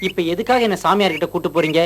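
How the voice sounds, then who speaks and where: An actor playing a naive village son-in-law in a TV comedy, fretful and easily scared. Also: male voice, sits high, a bit bright, a little hiss or hum. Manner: fretful and gullible, quick yelps. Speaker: comic lead actor. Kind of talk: TV comedy sketch acting.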